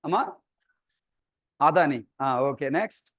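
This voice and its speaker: A man teaches in an interactive classroom style with a clear Telugu Indian accent, as a native Telugu speaker. His voice sits high for a man. The sound is dry, and he keeps prompting his listeners with short questions. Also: animated, rapid-fire, a bit bright, dry recording. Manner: repeated check questions and prompts to students. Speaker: programming teacher.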